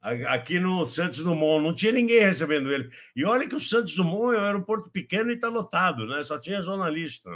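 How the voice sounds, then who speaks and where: A man's voice: high-pitched, quick pace, hardly any pauses. An older man from Brazil with a Brazilian Portuguese accent, chatting casually on a political show and telling rambling anecdotes with many restarts. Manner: rambling, repeats words and restarts, animated anecdotes. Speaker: guest commentator.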